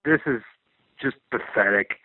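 A man calls in to a radio show, his voice squeezed through a tinny, dry phone line. He sounds disgusted and sarcastic, at an ordinary pitch for a man. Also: a little slow, breathy edge, dry recording. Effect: phone-line call-in voice. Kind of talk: call-in rant about a game.

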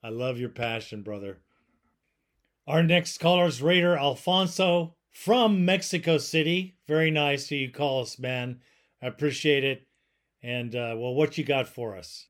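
A man's voice: mid-range voice, measured pace, a bit bright. A man hosting a call-in sports podcast, talking in a friendly, casual, upbeat way. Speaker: podcast host.

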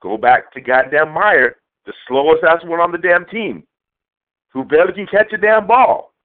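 A man's voice: fairly high pitch, lively intonation, moderate pace. A man from Southern California calling in to a radio show over the phone, ranting angrily with a lot of swearing. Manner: angry profane rant. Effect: call-in phone line. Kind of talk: ranting call-in message. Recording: tinny phone line.

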